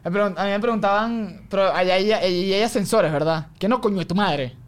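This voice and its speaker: A young man on a casual podcast, loose and swearing, tossing in quick agreeing asides. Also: high-pitched, clean tone. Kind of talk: casual chat.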